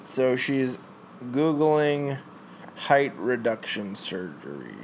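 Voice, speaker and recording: Mid-pitched voice, deadpan jokes, casual chat, trivia, faint noise behind. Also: takes it slowly. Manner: wry, joking, trivia-sharing. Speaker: co-host watching a movie.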